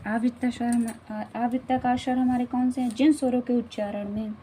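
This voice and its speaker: A woman's voice: a little high, flat delivery, a little fast, mellow, slight background noise. A woman teaching a grammar lesson, repeating herself and often checking that the class follows. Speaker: Hindi teacher.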